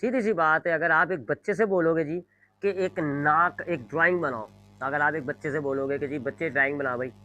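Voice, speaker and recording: A man's voice: on the high side, fairly quick, pushed and bright, no room sound, soft background music, low-quality recording. Man lecturing physics with speech. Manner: explains with repeated examples, frequent "जी", mixes English terms; draws on a board while talking. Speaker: physics teacher. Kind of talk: classroom lecture. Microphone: microphone.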